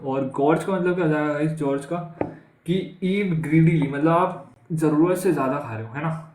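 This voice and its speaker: A man's voice: a little high, fairly quick, a little mellow, reverberant, a little hiss or hum, poor audio. A man teaching English vocabulary for exams in a chatty way, with an Indian accent, often asking the class questions and calling them "guys". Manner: conversational, repeats questions to students, says "guys". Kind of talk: exam vocabulary lesson.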